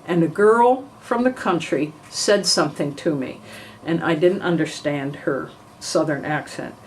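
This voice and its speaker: An older woman from New York recalls her past in a relaxed oral-history style. Her voice sits somewhat low, and she pauses now and then to clear her throat. A faint hiss runs underneath. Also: rough recording. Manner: frequent throat clearing, unhurried storytelling. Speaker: family memoir narrator.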